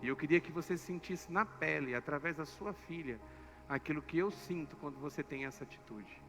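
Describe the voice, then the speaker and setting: A man voicing God as a gentle, sorrowful father who speaks softly and reproachfully in a sermon. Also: fairly quick. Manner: soft, low and reproachful. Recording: echoey church hall with soft music.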